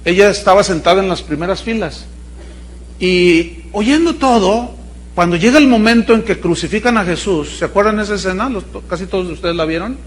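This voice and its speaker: High-voiced man preaching a sermon. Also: a little fast. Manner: conversational storytelling, acting out people he quotes; dry irony toward the congregation. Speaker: pastor.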